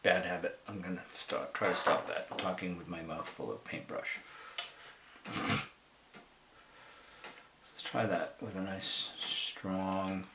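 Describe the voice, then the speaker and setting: A man giving a casual painting demonstration, thinking aloud in relaxed, halting self-talk at his work table. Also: deep voice, roomy sound, noisy background.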